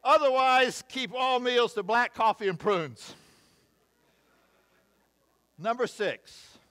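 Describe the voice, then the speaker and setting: An older American man preaching from a church pulpit in a fairly high voice. He reads through points with measured emphasis and slips in wry asides. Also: lively intonation, a bit bright. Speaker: pastor. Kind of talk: sermon. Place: church sanctuary, at a wooden pulpit. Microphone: pulpit mic, far camera.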